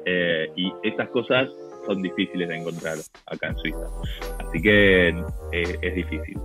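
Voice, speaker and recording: A deep-voiced Argentine man in his thirties talks on a video call from a small room. He chats loosely, with many fillers and restarts. Music plays clearly under his voice. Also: normal speed, rough recording. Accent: Argentine Spanish. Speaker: interview guest, volleyball player. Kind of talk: casual interview over video call.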